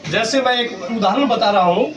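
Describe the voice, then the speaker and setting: A man's voice: high voice, a little fast, highs cut off. Guy teaching a grammar class, asks then answers himself, spells stuff out, lots of room noise behind. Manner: explains step by step, asks and answers his own questions, spells words letter by letter. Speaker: school English teacher. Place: school classroom. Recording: distant classroom recording with clear background noise.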